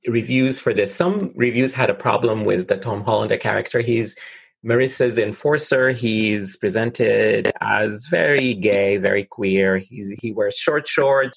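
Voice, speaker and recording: A man chatting casually about a film, giving measured, relaxed opinions. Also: on the low side, gravelly, slightly rough, no echo. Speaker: film discussion co-host. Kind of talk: casual conversation.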